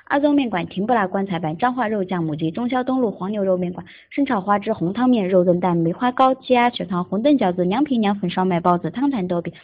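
A man putting on a young woman's voice, rattling off a long list of food without pause. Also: sits high, narrow, tinny audio, pitched above the performer's own voice.

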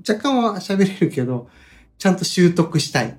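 A man's voice: high-pitched, very animated, normal speed, a little mellow. A man co-hosting a casual podcast, easygoing and chatty, often chuckling. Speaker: podcast co-host. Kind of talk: casual chat.

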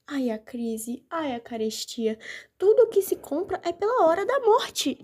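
A woman's voice: very high-pitched, expressive, moderate pace, darkish tone. A woman playing a miserly, fearful old man who wails and complains in a stage play. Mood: lamenting. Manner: wailing, complaining, prays to a saint.

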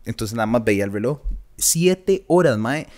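A man's voice: medium pitch, moderate pace. A young man with a Costa Rican accent, co-hosting a podcast and telling a long story in casual chat, acting out the voices he quotes. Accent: Costa Rican Spanish. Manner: animated anecdote-telling, acts out quoted voices, laughs often. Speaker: podcast co-host.

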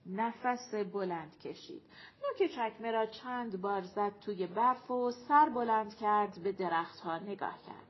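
A woman reading an audiobook aloud with expressive, measured storytelling. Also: medium pitch. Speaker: audiobook narrator. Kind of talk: scripted narration. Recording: muffled lo-fi recording.

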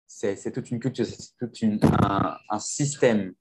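A man's voice: on the low side, measured pace, husky. A man who teaches languages, talking earnestly in a casual conversation, with many restarts and fillers. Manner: earnest, reflective.

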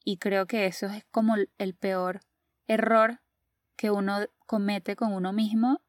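A woman's voice: medium pitch, flat delivery, measured pace, no echo, studio quality. A woman in a reflective personal talk, earnest and musing, reading a caption aloud and sharing advice she got.

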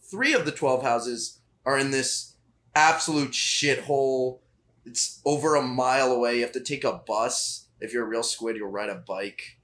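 A young man in casual conversation with an old friend, speaking at an ordinary middle pitch. He is laid-back and joking, laughing easily as he tells stories. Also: normal speed, a bit bright. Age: young adult. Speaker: college student guest. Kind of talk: casual chat.

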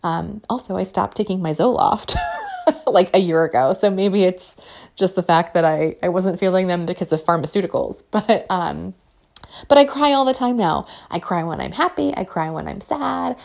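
Casual woman podcaster in her thirties, a bit gravelly, self-deprecating and open. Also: on the low side, normal speed, a little mellow. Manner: candid, chatty, self-deprecating. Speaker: podcast host. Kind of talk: casual solo podcast talk.

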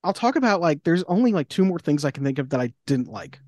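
Give me a young woman podcast co-host, chatty and animated, recorded dry. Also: low voice, fast talker, no room sound. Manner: laughing, animated, acts out reactions in quoted voices. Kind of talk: casual chat.

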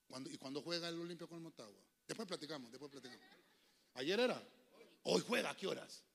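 A man preaching a sermon as a pastor in a church, shifting from fiery outbursts to quiet asides and speaking to the congregation as brothers. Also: a little high, expressive, quick pace, vocal fry, slightly rough. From Honduras.

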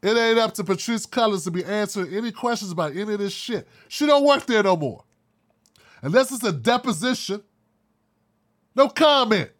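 A man hosting his own commentary show, ranting bluntly and heatedly in casual, profane talk, with quick mocking impressions. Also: high-pitched, expressive, fairly bright tone. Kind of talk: casual opinion monologue.

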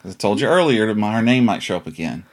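A man's voice: on the low side, expressive, fast. A man hosting a podcast in a casual, chatty style. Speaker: podcast host.

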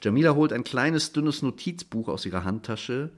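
Man reading a story with lively pitch. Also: normal speed. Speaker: author reading at a literary stage. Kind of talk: literary reading.

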